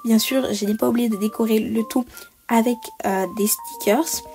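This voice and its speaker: A woman's voice: on the high side, steady tone, moderate pace, mellow, faint music behind. A woman giving a chatty craft tutorial voice-over, explaining each step with frequent hesitations. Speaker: bullet journal creator.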